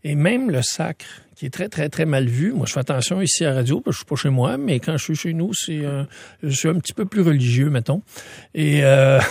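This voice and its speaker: A man's voice: on the high side, creaky, a little mellow, husky, dry recording, studio quality. A man with a Quebec French accent hosting a radio talk show, chatting with callers and guests. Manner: conversational, fillers, polite wrap-ups. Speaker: radio host. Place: radio studio.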